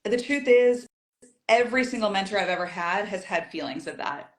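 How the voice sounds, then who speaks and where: A woman with a mid-range, lively voice speaks at a moderate pace in an echoey room. A community group founder, she's a guest in a casual interview, telling stories and acting out her own past thoughts.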